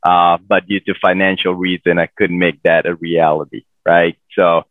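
A man from Malaysia speaks as a podcast guest, loose and easygoing, with plenty of fillers. His voice sits very low. The sound is thin and boxy, like a phone call with no room around it. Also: normal speed, no room sound. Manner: relaxed, with many fillers. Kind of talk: casual interview storytelling. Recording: dry tinny phone-like line.

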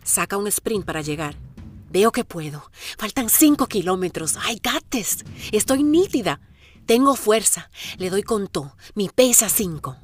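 A middle-aged woman narrates her marathon in the first person, with reflective inner-monologue narration and sudden bursts of excitement. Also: lowish voice, a little slow, slightly rough.

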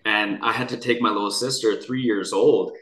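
Speaking at a normal speed in a lowish, slightly bright voice with fairly even intonation, a young Canadian man recounts his story as an interview guest. He rambles earnestly and restarts often, and the recording has an echoey room sound.

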